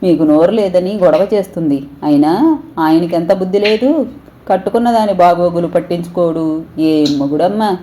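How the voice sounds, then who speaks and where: A woman's voice: on the low side, moderate pace, warm tone, slight background noise, natural voice. A woman voicing an indignant, scornful old milkman.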